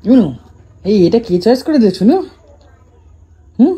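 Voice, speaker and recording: A woman's voice: on the high side, animated, moderate pace, dark tone, husky. A woman coaxing and teasing playfully as a vlog host in casual family banter.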